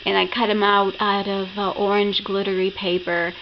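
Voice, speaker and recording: A woman's voice: medium pitch, little pitch movement, moderate pace. A woman with a sore throat from being sick, chatting enthusiastically as she shows off her craft projects in a casual vlog. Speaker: craft vlogger. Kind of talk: casual project show-and-tell. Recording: muffled lo-fi sound with clear background noise.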